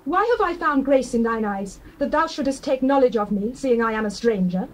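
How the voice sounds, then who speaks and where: An actress playing a humble, devoted young widow, gentle and earnest, in dramatized scripture. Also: female voice, on the high side, lively intonation, brisk. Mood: humble, grateful. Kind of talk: dramatized scripture, classical stage acting.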